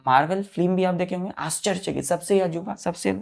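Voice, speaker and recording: Woman, vocabulary teacher, low gravelly voice, spells and drills words for kids. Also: brisk, darkish tone. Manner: spells words letter by letter, repeats and quizzes pupils; addresses listeners as children. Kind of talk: classroom-style lesson.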